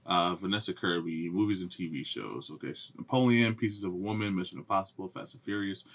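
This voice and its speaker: A man co-hosting a casual podcast, teasing his partner and laughing often, sometimes dropping to a low mutter. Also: fairly quick. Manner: teasing, laughs a lot, drops low and quiet. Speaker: podcast co-host. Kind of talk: casual chat.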